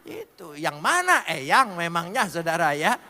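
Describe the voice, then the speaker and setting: Animated man preaching in a hall. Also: on the high side, normal speed. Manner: playful preaching with jokes and wordplay, addressing the congregation. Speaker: pastor. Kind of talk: sermon. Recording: long hall reverb.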